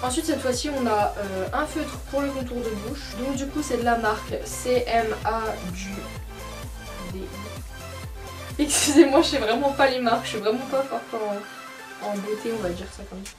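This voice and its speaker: A young woman with a slightly high voice, talking hesitantly through a casual vlog and often stopping on fillers. She sits a little away from the camcorder mic, with faint music behind her. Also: normal speed, far from the mic. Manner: hesitant, many fillers, apologetic. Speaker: beauty vlogger. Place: her mother's bedroom, indoors.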